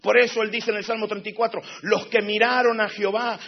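A man preaching a sermon as pastor, moving between hushed, low passages and shouted climaxes. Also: level tone, quick pace, husky, lo-fi sound.

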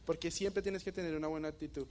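A young man with a Bogotá Colombian Spanish accent, giving a motivational talk and telling a story with animated energy, often asking the audience questions. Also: fairly high pitch, fast. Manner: animated storytelling, asks the audience questions, laughs at his own jokes. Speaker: motivational speaker.

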